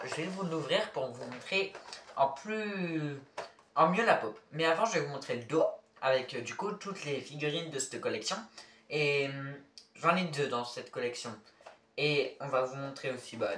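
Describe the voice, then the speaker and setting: A man talks casually to the camera about his collection, hesitant and full of fillers and restarts. His voice sits a bit high for a man. It was picked up by a mic some distance away in an echoey room. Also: a bit bright, a little hiss or hum. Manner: hesitant, many fillers and self-corrections. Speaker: collector showing figurines. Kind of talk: casual show-and-tell to camera.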